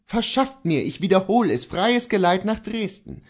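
A man's voice: high-pitched, animated, normal speed, husky, voice pushed up. A man reading the part of a proud, defiant male horse dealer turned outlaw, speaking earnestly and insistently.

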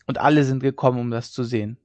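A man voicing an excited young farm maid who breathlessly tells eerie rumours to the other servants. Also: mid-range voice, quick pace, no echo, natural voice. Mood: agitated. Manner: breathless, hushed when telling secrets.

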